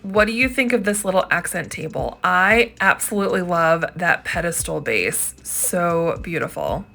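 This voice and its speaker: A woman's voice: on the low side, expressive, moderate pace, creaky, sharp tone, faint music behind. A woman host narrating a casual thrifting vlog, gushing with enthusiasm over each find.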